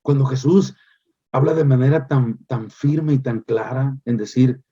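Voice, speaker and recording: A male pastor delivering a sermon in an emphatic preaching manner, repeating phrases and pausing with hesitant fillers. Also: mid-range voice, warm tone, breathy edge, lo-fi sound.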